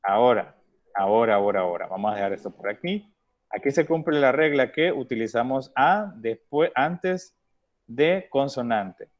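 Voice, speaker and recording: A man's voice: medium pitch, expressive, moderate pace, dull audio. Man teaching English to young children. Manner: patient, repeats words often. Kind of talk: online class instruction.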